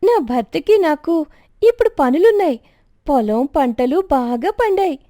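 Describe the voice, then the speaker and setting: A woman's voice: high voice, expressive, a little slow, dark tone, no echo, clean studio sound, voice pushed up. A woman voicing a boastful, gold-laden village woman in a cartoon story. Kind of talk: storybook voice acting.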